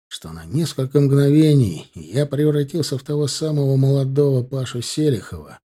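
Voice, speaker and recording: Man reading in a mellow, cold voice. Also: medium pitch. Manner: grim, cold, measured. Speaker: audiobook narrator. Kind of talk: scripted first-person audiobook narration.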